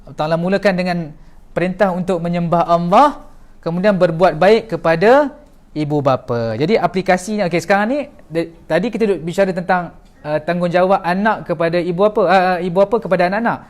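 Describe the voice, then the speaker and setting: A man's voice: high voice, a little fast. A man with a Malaysian Malay accent giving a classroom lecture, explaining step by step and asking the audience questions.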